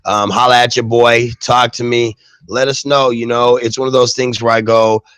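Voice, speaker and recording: A man's voice: mid-range voice, little pitch movement, moderate pace, noisy background. A male host of a live web radio show, who grew up in the southwestern US and Germany, talks loosely with lots of fillers and self-mocking jokes.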